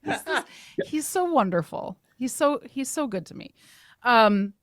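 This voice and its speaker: A woman in her thirties, a filmmaker guest in casual chat, talking in animated, laughing bursts. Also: a little high, unhurried, no room sound, studio quality.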